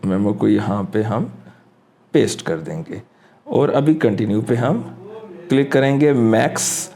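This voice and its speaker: A man with a mellow, dark-toned voice talks through a screen-recorded walkthrough. He is casual and thinks aloud as he clicks from step to step, slipping English phrases into his sentences. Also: lowish voice, animated, unhurried, creaky. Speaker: crypto tutorial host.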